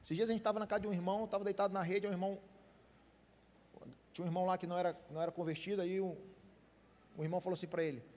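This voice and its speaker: A pastor with a Brazilian Portuguese accent preaches in a church hall, speaking very fast with long pauses in a high-sitting, darkish voice that barely moves in pitch. He addresses the congregation directly with questions and conversational preaching full of acted-out, quoted dialogue, and the recording carries long hall reverb.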